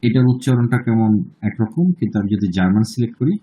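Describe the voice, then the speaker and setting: A man with a Bangladeshi accent teaching an online German class, drawing out words slowly and checking in with students often. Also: mid-range voice, muffled recording. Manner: slow, drawn-out model pronunciations, checks in often.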